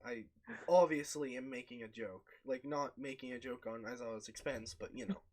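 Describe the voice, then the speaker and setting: A man's voice: medium pitch, normal speed, darkish tone. A man playing a tabletop role-play game, chatting casually and rambling through his moves with in-character asides. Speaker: player.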